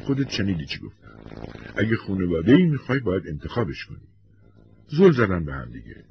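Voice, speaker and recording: A man narrating a story in a measured, scripted reading. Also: deep voice, husky, highs cut off.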